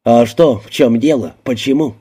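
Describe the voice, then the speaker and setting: A cowering little man, stammering and pleading in a shaky, dark, mellow voice, as a male audiobook reader puts him on. He keeps tripping over his first words in fear. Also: medium pitch, normal speed, husky, natural voice. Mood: nervous. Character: timid stammering small middle-aged man, terrified. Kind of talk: audiobook character voicing.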